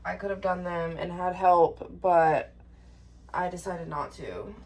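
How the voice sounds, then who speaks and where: A woman's voice: lowish voice, fairly even intonation, takes it slowly, loud music behind the voice. A young woman talking candidly to camera in a casual vlog, chatty and full of likes. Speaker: vlogger.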